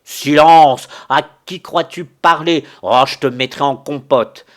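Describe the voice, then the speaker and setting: A man voicing a gruff, blunt middle-aged landowner in a solo dramatic reading of a stage farce, sarcastic and quick to shout. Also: fairly low pitch, animated. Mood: shouting angry.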